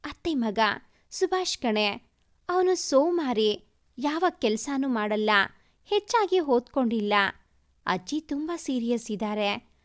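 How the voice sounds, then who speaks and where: Woman reading a caring, teasing young friend, high lively voice, storybook dialogue. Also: slow, long pauses. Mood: worried. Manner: chiding and teasing.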